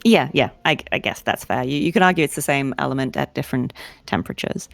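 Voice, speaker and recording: A woman's voice: extremely low pitch, expressive, fast, creaky, soft background music. A woman voice actor chatting as a guest in a giggly, self-deprecating way. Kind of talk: casual interview chat.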